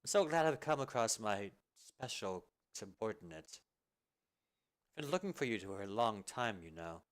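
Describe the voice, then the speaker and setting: A man voicing a strict female deputy commander who speaks with slow, clipped, menacing calm. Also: lowish voice. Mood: stern. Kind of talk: amateur video game fan dub.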